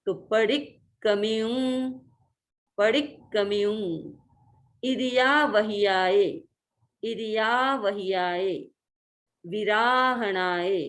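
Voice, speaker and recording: Woman reciting syllables slowly and carefully. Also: medium pitch. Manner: recites syllables slowly, stressing each sound. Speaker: religious workshop teacher. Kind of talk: pronunciation lesson with slow recitation. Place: online video workshop.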